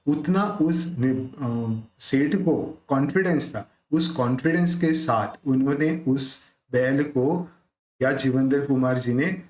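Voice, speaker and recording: A man teaching correct pronunciation of a devotional hymn: he explains each word, then recites it slowly and repeats it. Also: medium pitch, a little mellow. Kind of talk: pronunciation lesson. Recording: echoey room.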